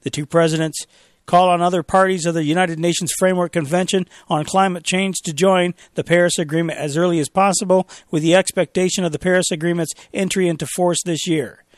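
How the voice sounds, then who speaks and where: A talk radio host, a man with a somewhat high voice, recorded close and dry in a studio. He reads official statements and cuts in with sarcastic, mocking asides aimed at his listeners. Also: fairly even intonation, brisk, dry recording. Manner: sarcastic, mocking, reads documents aloud with commentary. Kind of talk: opinionated talk radio monologue.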